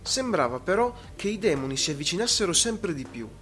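A man narrating a story in a steady, measured way. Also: high voice. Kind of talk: scripted narration. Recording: music playing behind.

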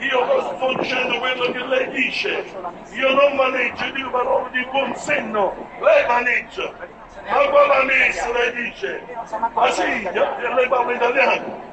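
A man's voice: extremely high pitch, little pitch movement, unhurried, lo-fi sound. A man from Naples with a Neapolitan accent and Italian dialect, preaching and arguing in the street in a confrontational, repetitive way. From Naples, Italy. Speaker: street evangelist. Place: busy public square outdoors. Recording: echoey distant outdoor recording, crowd noise.

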